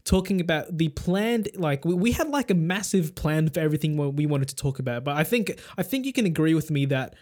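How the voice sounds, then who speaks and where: A man's voice: fairly high pitch, animated, fairly quick, few pauses, a little mellow. A young man hosting a casual tech podcast, rambling and joking with lots of fillers. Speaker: podcast host.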